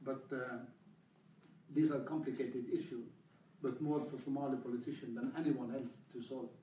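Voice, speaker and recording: A man speaking as a minister on a panel, measured and careful, with hesitant fillers. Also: mid-range voice, steady tone, dark tone, slight background noise. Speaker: government minister. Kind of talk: public panel discussion. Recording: roomy hall, far from mic.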